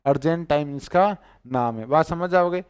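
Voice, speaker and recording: A man's voice: on the high side, normal speed, clear, resonant tone. A man with a Rajasthani Hindi accent teaching chemistry, repeating each name and quizzing his students on it. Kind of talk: chemistry class lecture.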